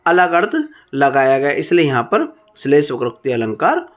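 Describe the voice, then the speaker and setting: A man teaching a grammar lesson, explaining step by step and reading verse examples slowly. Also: medium pitch, sing-song, a bit bright.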